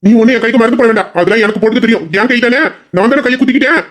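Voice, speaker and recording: Very high-pitched, very fast and a bit bright, a man voices an irritable young husband in a Tamil audio drama. Each response drips with bitter mockery, angry and sarcastic.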